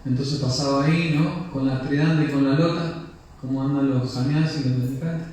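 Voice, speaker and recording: A man's voice: medium pitch, normal speed. A man tells a devotional story in a chatty way and often tags his lines with "¿no?". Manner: lively, chatty, frequent "¿no?" tags. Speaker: storyteller at a temple gathering. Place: temple hall. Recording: very echoey hall, mic at a distance.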